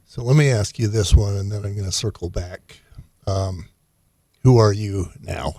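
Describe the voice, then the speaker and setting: A man interviewing a guest, mostly giving short affirmations and asking gentle questions. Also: lowish voice, steady tone, moderate pace, no room sound, clean studio sound.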